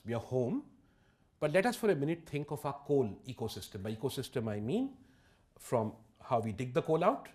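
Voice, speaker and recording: A man's voice: medium pitch, darkish tone. A man giving a public lecture on economics, emphatic and wry, full of rhetorical questions.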